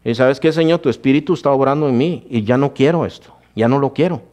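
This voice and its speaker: A man's voice: medium pitch, quick pace, a little mellow. A man preaching a sermon, telling his own testimony and calling his listeners brother. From Guatemala. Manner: addresses listeners as brother, storytelling.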